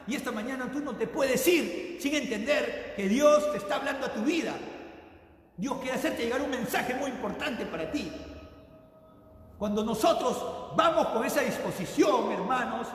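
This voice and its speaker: Echoing high-voiced preacher in a hall. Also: male voice, lively intonation, moderate pace. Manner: preaching with sudden loud bursts and hushed drops; repeatedly addresses the congregation as brothers. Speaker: pastor. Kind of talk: sermon. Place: church sanctuary. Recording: very echoey hall with long reverb.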